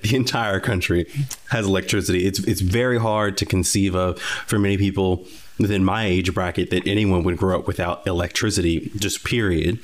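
A man hosting an interview, asking long, thoughtful, winding questions. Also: low-pitched. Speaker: podcast host.

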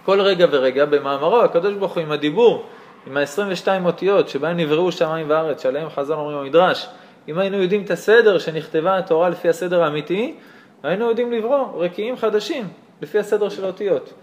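A man teaching an animated religious lesson to a class, asking rhetorical questions and telling stories. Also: high voice, dull audio. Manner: lively, asks rhetorical questions, tells stories. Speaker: Torah teacher.

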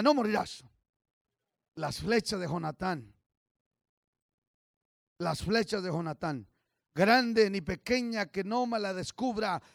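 High-voiced shouting pastor, gravelly. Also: male voice, no room sound, studio quality. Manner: exhorting, call-and-response, swings from soft to shouting. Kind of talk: bilingual sermon.

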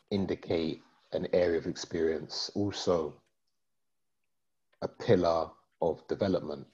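Host: guy, very low voice, laid-back and jokey, on a dull lo-fi video call. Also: a little mellow. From East London. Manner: joking, laid-back, rambling. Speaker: podcast host. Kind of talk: casual chat about astrology.

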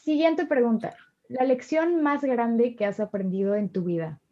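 Higher-voiced woman interviewer, lo-fi. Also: normal speed, mellow. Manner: brief, prompting questions. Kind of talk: casual interview.

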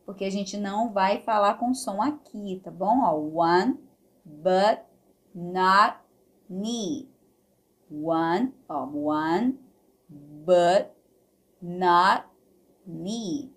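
A woman with a Brazilian accent teaching English pronunciation. She explains each point in Portuguese and then sings the lines of a song slowly. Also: mid-range voice. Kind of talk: song-based pronunciation lesson.

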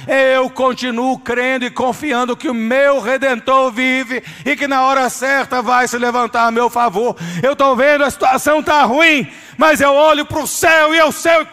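A man's voice: very high-pitched, fairly even intonation, moderate pace, hardly any pauses, sharp tone. A man preaching a sermon in a church, emphatic and speaking straight to his listeners. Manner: emphatic, addresses listeners directly as "my dear". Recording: reverberant hall with music behind.

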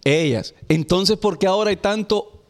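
A man in casual podcast banter, excitably quizzing the others. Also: sits high, moderate pace. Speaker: podcast co-host.

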